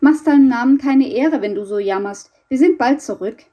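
Tired teen boy in an audiobook reading, soft and teasing, voiced by a woman reader, mellow tone. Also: high voice, normal speed, voice pushed up. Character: homeless teenage boy, tired and gentle.

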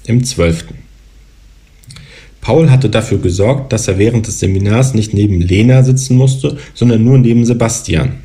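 A man in his thirties reading from his own novel in a calm, even narrative voice. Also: lowish voice, normal speed, hardly any pauses. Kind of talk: literary reading.

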